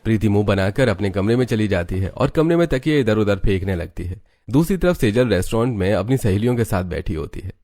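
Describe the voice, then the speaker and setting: Low-voiced male cartoon narrator. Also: expressive, fairly quick, few pauses, mellow, no echo, studio quality. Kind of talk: scripted storytelling narration.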